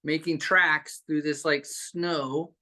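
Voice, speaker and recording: A man's voice: a little high, flat delivery, takes it slowly, sharp tone. A man casually telling a childhood story on a video call, rambling, with many fillers and restarts. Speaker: group participant.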